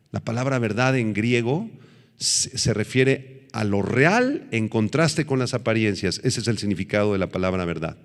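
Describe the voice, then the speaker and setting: A man, a pastor, preaching an expository sermon verse by verse, asking his listeners questions and swinging between loud emphasis and quiet asides. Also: on the low side, creaky, in a large hall. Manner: teaches verse by verse, asks the congregation questions.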